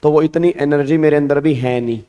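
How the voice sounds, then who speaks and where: A male teacher with a hoarse throat, chatting through an online class. His voice sits a little high, and he keeps things calm and easygoing, with plenty of friendly asides. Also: fairly quick. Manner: chatty, colloquial, speaks calmly. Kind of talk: casual online lecture.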